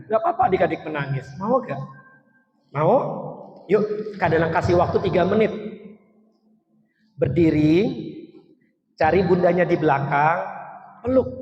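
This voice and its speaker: A high-pitched male storyteller preaching earnestly to children, urging them along with heartfelt pleas. His voice rings through a large echoey hall with a long reverb, and the sound is muffled. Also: moderate pace, long pauses, slight background noise. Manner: earnest, coaxing, urges children to stand and act. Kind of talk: emotional religious talk to children. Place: large echoing mosque hall.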